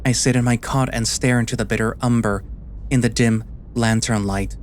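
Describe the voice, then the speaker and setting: A man playing a weary, guilt-ridden animal sailor, narrating a first-person story in a quiet, subdued, slow and deliberate way. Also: medium pitch, fairly even intonation, a little hiss or hum, natural voice. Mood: brooding, weary.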